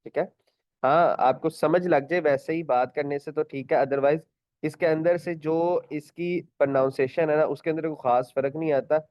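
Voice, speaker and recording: A man teaching Quran recitation in an online class, patiently repeating each point, stretching out words as examples and clearing his throat often. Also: fairly high pitch, steady tone, moderate pace, a little mellow, dry recording.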